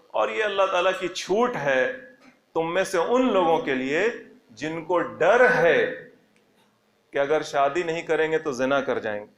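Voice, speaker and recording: A man's voice: a little high, a bit bright, reverberant. A man teaching a lesson on the Quran, reciting Arabic verses and then explaining them phrase by phrase with emphatic repetition. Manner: emphatic, repeats key phrases for stress. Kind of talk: religious lesson explaining scripture.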